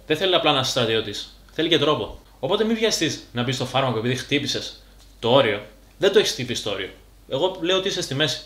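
A man's voice: medium pitch, fairly bright tone, echoey room. A man giving a casual, blunt monologue to camera, talking like a coach and full of slang. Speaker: fitness YouTuber.

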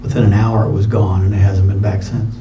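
A man preaching a sermon in a conversational way, moving between loud emphatic lines and quiet low asides. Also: little pitch movement, brisk, noisy background. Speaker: pastor. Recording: roomy hall sound from a distance, dull lo-fi.

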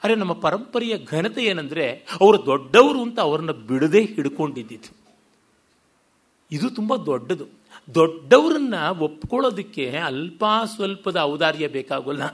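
A middle-aged man with a Kannada accent gives a scholarly lecture. His voice sits high and swings widely, rising on rhetorical questions and sinking low to make a point. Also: normal speed. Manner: animated, rhetorical questions, sweeping pitch. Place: lecture hall.

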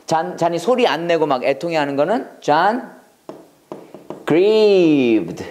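A man's voice: on the high side, expressive, moderate pace. A man in his fifties teaching English vocabulary in Korean, repeating each word and bursting into acted wailing and sighing to make it stick. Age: 50s. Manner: acts out wailing and sighing in sudden dramatic bursts; repeats words over and over with wordplay mnemonics. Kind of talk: animated Korean vocabulary lecture.

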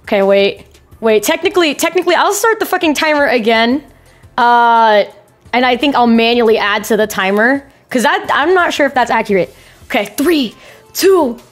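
A young woman hosting a casual livestream, chatting to viewers in a playful, excitable gamer-girl way with plenty of swearing and slang. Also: fairly high pitch, moderate pace, soft background music. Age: young adult. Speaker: live streamer, host. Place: small bedroom streaming setup. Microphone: close boom-arm microphone, headset on.

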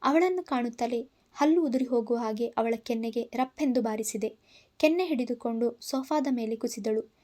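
A woman narrating a story in an expressive, dramatic reading. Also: on the high side, normal speed.

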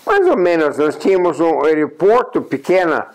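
The recording quality is low, but the voice comes through fairly high and sing-song: an American man in his eighties, a native English speaker. Interviewed indoors in a plain room, the journalist and honorary consul reflects slowly, with frequent "ah" pauses and restarts.

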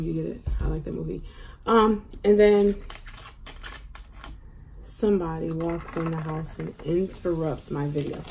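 A woman's voice: fairly low pitch, creaky, mellow, slight background noise, low-quality recording. A woman chatting casually to camera at home as she eats for a mukbang video, rambling with lots of fillers. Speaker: mukbang vlogger. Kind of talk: casual chat to camera while eating.

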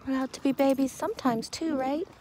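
With a warm, high-sitting voice, fairly even intonation, and a quick pace, a Canadian woman vlogs outdoors by a lake, musing in a rambling, dreamy, casual way and swearing freely. She speaks into a handheld phone, and the recording has faint background noise.

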